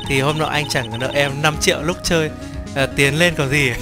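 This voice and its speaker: His voice sits on the high side as he streams a game with music running underneath. He gives every character a playful voice while reading the dialogue, then jumps in with comments, laughing and cursing easily in his excitable, casual chat.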